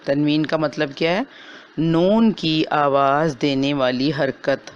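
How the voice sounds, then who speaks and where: A woman teaching Quran recitation in a recorded lesson, explaining briskly and then spelling out letter sounds slowly, syllable by syllable. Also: deep voice, lo-fi sound.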